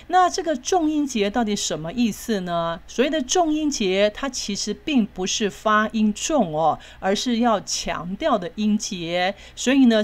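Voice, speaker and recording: A woman with a Taiwanese Mandarin accent teaching English pronunciation, patient and repetitive, drawing out example words slowly. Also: medium pitch. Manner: patient, repeats words slowly, ends lines with "哦". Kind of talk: phonics lesson.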